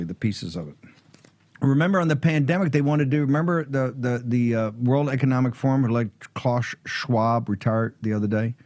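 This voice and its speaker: A man's voice: mid-range voice, darkish tone, no room sound. Blunt, combative man ranting on air. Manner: blunt, combative, sarcastic, swears. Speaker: political talk show host. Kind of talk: fiery political monologue.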